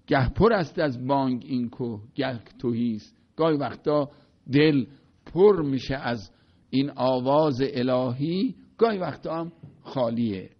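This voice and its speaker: An older man giving a poetry lecture, slowly and more loudly reciting verses, then explaining them in easy everyday talk. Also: medium pitch. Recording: dull lo-fi recording.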